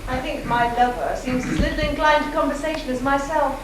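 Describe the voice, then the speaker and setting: Brief: actress as a petulant young romantic, very high voice, stage play heard from afar in an echoey hall. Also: female voice, fairly even intonation, fairly quick, natural voice. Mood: sulky. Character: romantic young woman, sulky and dreamy. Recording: echoey hall, far from mic, noisy.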